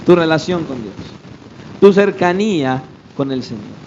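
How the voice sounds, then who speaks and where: A man's voice: on the high side, very animated, measured pace, a little mellow, lo-fi sound, slight background noise. A man pastor preaching a sermon, emphatic, throwing rhetorical questions at the congregation.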